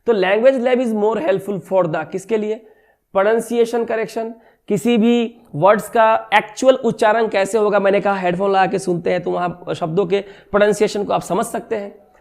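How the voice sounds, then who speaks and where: High-voiced teacher explaining exam questions. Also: male voice, fairly even intonation, creaky. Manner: reads English questions slowly, then explains in Hindi. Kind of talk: exam-prep MCQ lesson.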